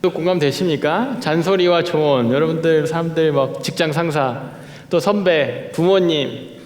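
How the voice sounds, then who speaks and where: A man in his late thirties preaches to young adults in a loose, chatty way, stopping and restarting often and poking fun at himself. His voice sits high for a man, and a long reverb trails behind him in a church hall. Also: normal speed, darkish tone. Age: late 30s. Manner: chatty and self-deprecating, many fillers and restarts. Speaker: youth pastor. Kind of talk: conversational sermon. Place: church sanctuary.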